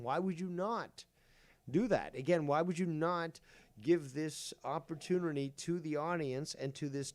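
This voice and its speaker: A stream host with a somewhat high, slightly mellow male voice delivers livestream drama talk, making theatrical announcements and cursing crudely.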